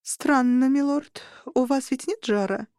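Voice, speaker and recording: A commanding female vampire marshal speaks calmly and with condescension, as a woman reading a story voices her. Her voice rides a little higher, and the recording is dry. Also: unhurried, dry recording. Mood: cool. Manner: condescending, calm.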